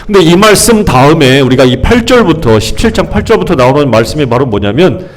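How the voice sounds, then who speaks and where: Lively-pitched preaching Korean pastor. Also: male voice, fairly quick. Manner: asks the congregation questions, then answers them himself; acts out the grumbling crowd with sudden pitch jumps. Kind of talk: sermon. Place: church sanctuary.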